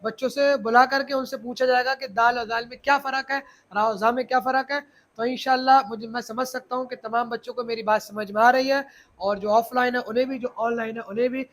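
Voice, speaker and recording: A man's voice: extremely high pitch, steady tone, fairly quick, fairly bright tone. A male teacher explaining Arabic letters to a class of children, often asking them questions and repeating key points.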